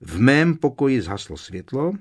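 Man voicing a teen wizard boy, earnest and defensive, pitched up above a low reader's voice, storybook reading. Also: big pitch swings, husky.

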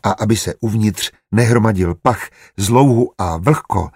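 In this audiobook, a man reads a good-natured, learned steward who lays out his plans with eager kindness. The voice is husky with a little breath in it, and the recording is dry and close. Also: on the low side, a little mellow, no room sound. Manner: explains eagerly and kindly. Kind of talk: audiobook character reading.

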